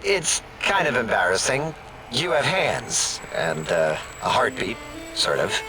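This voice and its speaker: An actor playing an insecure, sardonic robot scientist in a video game, with a flippant, halting, awkward delivery. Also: male voice, mid-range voice, huge pitch swings, poor audio. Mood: awkward, defensive. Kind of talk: comic video game voice acting. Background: music.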